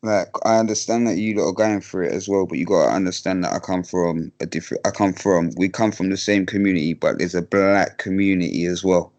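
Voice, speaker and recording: Low-voiced man, interview guest, hesitant delivery full of fillers and restarts. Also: steady tone, a little mellow. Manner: hesitant, halting, many fillers. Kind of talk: candid interview talk.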